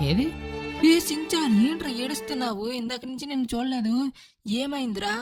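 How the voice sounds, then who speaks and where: A woman doing a fast-talking, fussing uncle. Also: sits high, natural voice. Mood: coaxing. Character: caring uncle character, cheerful and fussing. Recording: game music in background.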